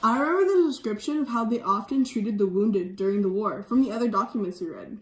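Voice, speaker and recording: A woman's voice: mid-range voice, fast talker, slight background noise, natural voice. A teenage girl playing a sassy student who questions her teacher, in an amateur school skit. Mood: earnest. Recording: echoey room.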